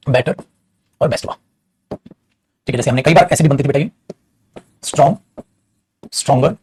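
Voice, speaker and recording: A man's voice: a little high, a little mellow, slight background noise. A man with a Bhojpuri-tinged Hindi accent teaching English grammar to students in a classroom lesson, switching between Hindi and English and calling his students beta.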